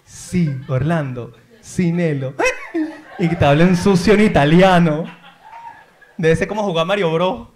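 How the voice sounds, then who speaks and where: A man's voice: fairly high pitch, unhurried, darkish tone, reverberant. A man with a Venezuelan accent doing playful, teasing crowd work on a theater stage. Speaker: stand-up comedian. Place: theater in Madrid.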